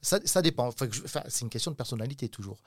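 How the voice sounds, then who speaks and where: A man's voice: mid-range voice, animated, rapid-fire, no echo. A middle-aged man from southwest France, a talent agent for children, talking casually in an interview with lots of fillers and restarts. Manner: hesitant, many fillers and restarts.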